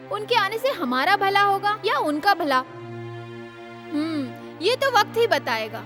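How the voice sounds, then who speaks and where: A woman dubbing the role of a sharp-tongued young village daughter who speaks sarcastically. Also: very high-pitched. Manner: sarcastic, teasing. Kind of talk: Hindi film dubbing. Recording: dubbed film audio with music.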